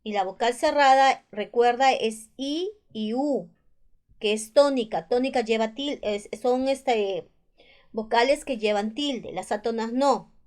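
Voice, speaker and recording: Patient high-voiced Peruvian woman teaching. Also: a little mellow. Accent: Peruvian Spanish. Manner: patient, repeats each rule slowly. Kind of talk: spelling lesson explained over slides.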